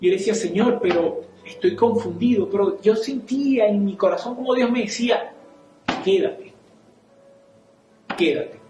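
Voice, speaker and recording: A man's voice: high voice, normal speed, long pauses, roomy sound, noisy background. A man with a Venezuelan accent giving a sermon testimony, telling a story and acting out the dialogue with animation. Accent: Venezuelan Spanish. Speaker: church speaker. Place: church.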